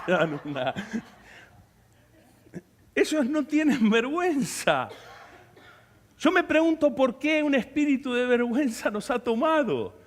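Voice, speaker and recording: A man preaching a sermon as pastor, animated and humorous, telling stories with sudden shifts in loudness. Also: sits high. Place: church sanctuary. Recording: reverberant church hall.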